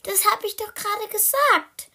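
A woman voicing a small, excited male baby kitten who talks in a squeaky, eager, pleading way, in a storybook. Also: normal speed, full character voice.

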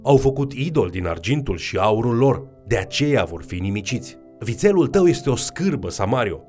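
A man's voice: mid-range voice, sing-song, a little mellow, faint music behind. A man giving a scripted Bible lesson, reading scripture with added emphasis. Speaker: Bible teacher.

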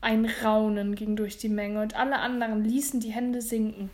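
A woman reading a children's mystery story aloud as narrator, in a lively, clear storytelling manner. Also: a little high, normal speed. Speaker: audiobook narrator.

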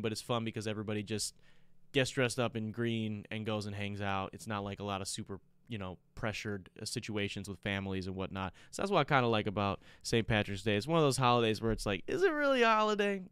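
A man's voice: lowish voice, fairly bright tone, smooth, dry recording. A man with an American accent chatting casually as a solo podcast host, rambling and repeating himself, with a congested, blocked-nose sound from being sick. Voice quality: congested, stuffy-nosed. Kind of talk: casual chat to listeners.

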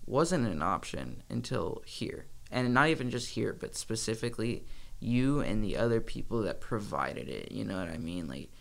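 A man's voice: lowish voice, normal speed, creaky. A young man who works as staff at an addiction treatment center, talking frankly and profanely in casual conversation. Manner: frank, profane, animated storytelling.

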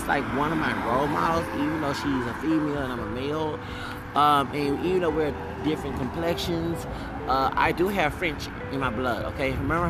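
A man's voice: on the high side, heavy background noise. A man in his forties talking casually on his podcast, chatty and fond of breaking into song snippets. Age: 40s. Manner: chatty, sings snippets of songs. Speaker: podcast host. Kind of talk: casual monologue. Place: outdoors near a street.

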